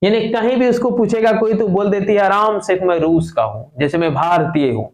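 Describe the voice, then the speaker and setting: A man's voice: sits high, brisk, roomy sound. A male teacher explaining an English lesson to students, firing questions at the class and repeating their answers.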